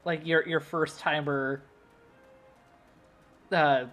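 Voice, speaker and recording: Faint music plays behind a young American streamer who is chatting casually into a desk mic in a livestream. The voice sits mid-range with fairly even intonation, is very slow and a bit bright, and the streamer rambles, uses plenty of fillers and laughs readily.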